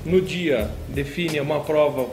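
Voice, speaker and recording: A young Brazilian man with a high voice speaks casually about competing, tagging sentences with "né". His voice rings in an echoey room with faint music under it. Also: unhurried. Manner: relaxed, explains with many "né" tags. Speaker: paragliding competitor. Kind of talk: interview answers. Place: indoor shop room with shelves.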